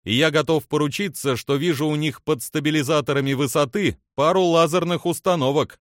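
A man's voice: fairly high pitch, brisk, no room sound, studio quality, voice pushed up, close to an everyday voice. Man doing a matter-of-fact male officer. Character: precise male bridge officer.

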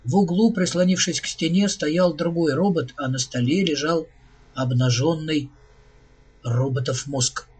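A man narrating a science fiction audiobook in a measured, even storytelling manner. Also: on the high side, breathy edge.

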